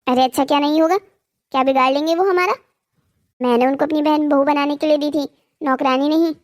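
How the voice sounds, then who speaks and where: A voice actor playing an indignant, argumentative young man in a cartoon story, protective of his sister and quick to anger. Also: extremely high pitch, steady tone. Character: hot-headed protective young brother.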